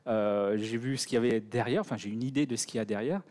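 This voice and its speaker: A man with a French accent answers questions from the audience after his conference talk. His voice sits at an ordinary middle pitch, and he hesitates a lot, restarting sentences as he thinks. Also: quick pace, dark tone. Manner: hesitant, many fillers and restarts. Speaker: conference speaker. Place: conference hall.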